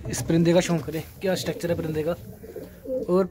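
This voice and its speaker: A man's voice: on the high side, little pitch movement, fairly quick, noisy background. A man hosting a video channel, eagerly asking questions and talking straight to his viewers on a rooftop. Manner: eager, addresses viewers directly. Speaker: channel host and interviewer. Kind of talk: casual video interview.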